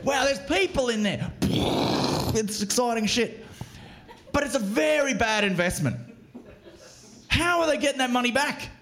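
A man on a comedy stage with a very high, strained voice, ranting and swearing as he fires lines at the crowd. His delivery is loud and worked up throughout. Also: animated, measured pace. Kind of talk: stand-up routine.

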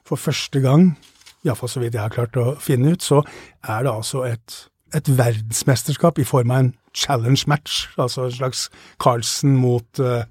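A man with a dark, slightly husky voice talks as a studio guest, explaining history conversationally. His delivery is halting, and the sound is close and dry. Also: mid-range voice, no echo.

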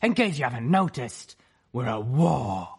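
A man voicing a cold, dismissive female griffin commander who speaks flatly. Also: mid-range voice, a little slow, vocal fry, slightly rough, exaggerated voice. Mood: cold, curt. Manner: flat and curt.

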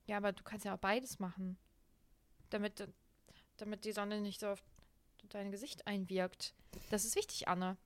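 A woman's voice: medium pitch, flat delivery, normal speed, pauses often. A young woman co-hosting a podcast, casually retelling a book chapter with many fillers. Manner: chatty retelling with frequent fillers. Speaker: podcast co-host. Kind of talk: casual book-discussion chat.

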